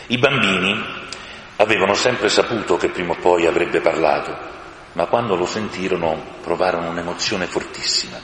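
A male storyteller with a deep voice who reads expressively, his pitch rising and falling a great deal. The sound carries a long reverberation and a faint hiss. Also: fairly bright tone. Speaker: narrator. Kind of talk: scripted storybook narration.

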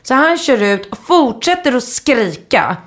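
A woman in her thirties, a podcast host telling a story in lively casual chat and acting out the people in it. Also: sits high. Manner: animated storyteller, acts out quotes loudly.

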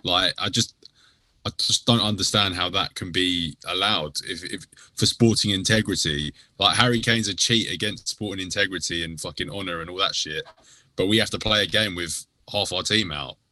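A man's voice: low-pitched, normal speed, bright, forceful tone, no echo. A man in casual football chat, swearing and repeating words as he argues his point. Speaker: football fan podcast panellist.

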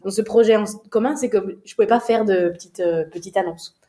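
A woman's voice: mid-range voice, brisk, warm tone. A young woman recounting a personal story in an interview, hesitant, with many fillers and restarts. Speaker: guest.

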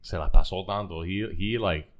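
A man's voice: deep voice, normal speed. A young man co-hosting a podcast, talking in a rambling, slangy, casual way. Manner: rambling, slangy, with a mock-announcer mukbang bit. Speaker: podcast co-host. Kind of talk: casual chat.

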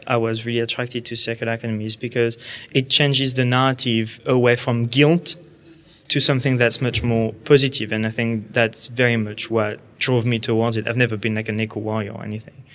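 Podcast guest: man, French accent, measured and earnest, mid-range pitch. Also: level tone, fairly bright tone. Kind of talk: podcast interview.

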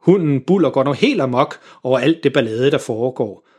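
Husky guy reading a funny kids story, lively. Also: mid-range voice.

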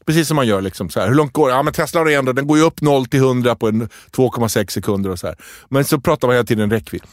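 A man co-hosting a casual podcast chat, telling stories with lively acted-out quotes. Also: mid-range voice, no room sound, clean studio sound. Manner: lively storytelling, acts out quotes. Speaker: podcast co-host.

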